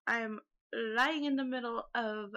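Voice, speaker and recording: A woman hosting a let's play video, reacting excitedly with gasps and giggles. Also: on the high side, slow pace, muffled recording. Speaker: gaming channel host. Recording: game music playing behind.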